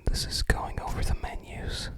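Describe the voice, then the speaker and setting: Whispering, an ASMR creator shows items to the viewer, her commentary unhurried, musing, and a little hesitant.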